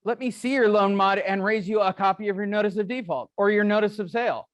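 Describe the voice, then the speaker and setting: Brash high-voiced man coaching a seminar. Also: quick pace, no echo, muffled recording. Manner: brash, joking and profane. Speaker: real estate coach teaching a seminar. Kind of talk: live seminar teaching.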